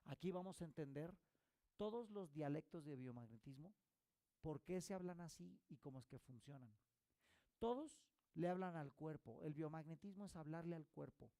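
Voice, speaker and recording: A man teaching a recorded course lecture as a holistic therapy instructor, explaining through rhetorical questions and quick "ok?" check-ins. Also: a little high, lively intonation, dark tone, no room sound.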